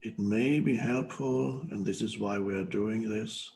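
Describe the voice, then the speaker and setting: An older man leads a guided meditation in a slow, unhurried delivery. His low voice has a gravelly edge. He pauses often and speaks in short, hesitant phrases. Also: darkish tone, rough recording. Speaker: spiritual teacher.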